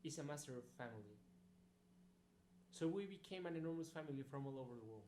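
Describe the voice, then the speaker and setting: In a recorded congratulatory video message, a young man who has graduated speaks earnestly and gropes for words. He talks fast with lively intonation, his fairly high voice a little mellow, and the echoey, faintly humming audio plays in a hall.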